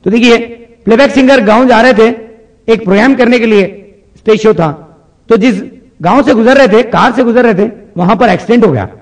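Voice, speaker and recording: A man's voice: very high-pitched, brisk, recorded from a distance. A male comedian telling jokes in a chatty stand-up storytelling manner.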